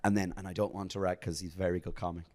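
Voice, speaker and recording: A young adult comedian from South Africa, chatting casually on a podcast and telling stories with frequent laughs. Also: male voice, low-pitched, rapid-fire. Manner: storytelling, laughing often, animated. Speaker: comedian guest.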